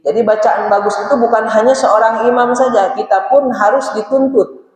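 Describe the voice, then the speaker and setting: A high-voiced man with a Sundanese Indonesian accent teaches recitation slowly, chanting verses and having his listeners repeat them. His voice rings through a big echoing mosque hall with a long reverb tail, and faint music plays behind. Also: steady tone. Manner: patient, repeats each verse and has listeners follow.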